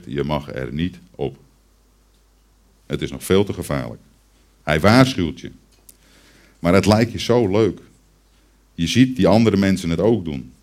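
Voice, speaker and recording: Man, deep low voice, pastor, sermon, talks to children and congregation. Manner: addresses children and congregation directly, storytelling. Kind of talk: Christmas sermon.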